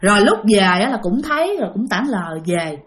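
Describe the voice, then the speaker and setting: Animated Southern Vietnamese woman storyteller. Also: medium pitch, a little fast. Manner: animated, addresses listeners directly. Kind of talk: spoken ghost story telling.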